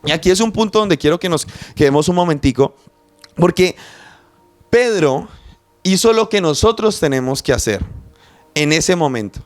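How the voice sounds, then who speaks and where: A man's voice: on the high side, lively intonation, moderate pace, long pauses, no room sound, faint music behind. A young man preaching a sermon, earnest and passionate, speaking directly to the listener.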